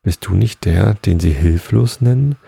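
A man's voice: sits low, a little slow, vocal fry, warm tone, slightly rough, no echo, exaggerated voice. A man reading as an earnest loyal dog. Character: loyal male farm dog, earnest and brave.

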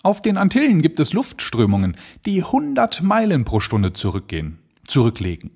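A man voicing an excitable male balloonist, speaking in high, ecstatic exclamations. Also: normal speed, breathy edge, exaggerated voice.

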